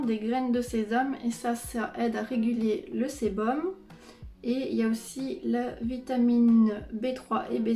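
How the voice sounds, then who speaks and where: A woman beauty vlogger talks through her skincare routine in a relaxed, chatty way, stringing thoughts together with fillers. Her voice sits a little high but stays mellow and even. The room around her is echoey, with soft music in the background. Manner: chatty, many fillers and "donc". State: pregnant. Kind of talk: casual product review.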